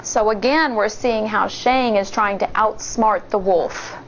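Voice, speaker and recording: This teacher, medium in pitch, reads aloud from a storybook to kids with careful, expressive delivery and occasional pauses for comments. The audio is dull, carrying a slight hiss or hum.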